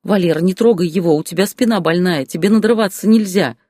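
Guy putting on a high fussy old mother-in-law, storybook, dry. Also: fast, darkish tone, no echo. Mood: pleading. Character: fussing older mother-in-law, kindly.

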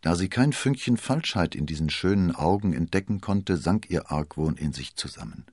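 A male storyteller with a very low, husky voice and a lively, rolling intonation. He narrates a scripted tale dramatically, recorded dry and close. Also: moderate pace, no room sound.

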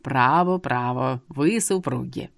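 A woman voicing a sly, teasing old male seer with a long beard who drawls slowly. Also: a bass voice, dry recording, studio quality, pitched below the performer's own voice, exaggerated voice.

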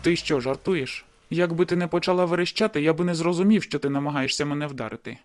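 A woman reading an audiobook and voicing a stubborn, cocky young man in love, in a lowered, insistent and teasing voice. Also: fast talker, soft background music, lightly acted.

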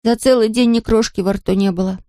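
A woman's voice: a little high, steady tone, a little fast, warm tone, dry recording, clean studio sound, lightly acted. Proud grumbling fox cub, voiced by a woman. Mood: hungry. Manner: gruff grumbling. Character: young fox cub boy, proud and touchy.

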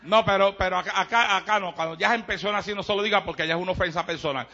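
A man pastor with a Puerto Rican accent, preaching in an emphatic, joking way with sudden shouts. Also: high voice, racing. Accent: Puerto Rican Spanish. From Puerto Rico. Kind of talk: sermon. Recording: dull lo-fi sermon recording.

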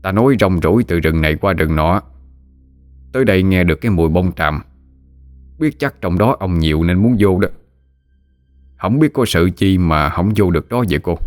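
A man's voice: deep voice, expressive, moderate pace, pauses often, no room sound, studio quality, soft background music. A man voicing an easygoing older honey hunter, who speaks politely and in a folksy way.

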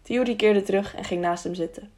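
A woman reading a children's adventure audiobook in a steady, expressive storytelling voice. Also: medium pitch, brisk. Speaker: audiobook narrator. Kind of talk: audiobook narration.

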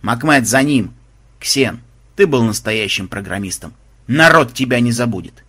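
A man's voice: medium pitch, lively intonation, normal speed, sharp tone, slightly rough. A man voicing a brusque male squad commander barking orders in an audiobook. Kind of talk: audiobook voice acting.

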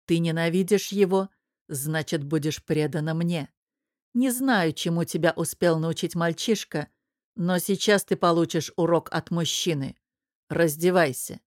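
A woman's voice: lowish voice, a little slow, dry recording, clean studio sound, natural voice. A woman reading an audiobook, voicing a male emperor who speaks in curt, self-assured, commanding lines. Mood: domineering.

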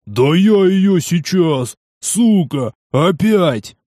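A man voicing a fat, brutish male gang thug in an audiobook, loud and jeering with a coarse manner. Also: medium pitch, measured pace, dry recording, studio quality, lightly acted. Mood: enraged. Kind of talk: audiobook character voice.

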